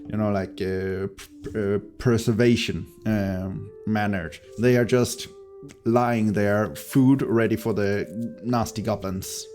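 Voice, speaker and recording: A man's voice: on the low side, fairly even intonation, slow pace, a little mellow, faint music behind. A man narrating a tabletop fantasy game as game master, improvising and hesitantly searching for words.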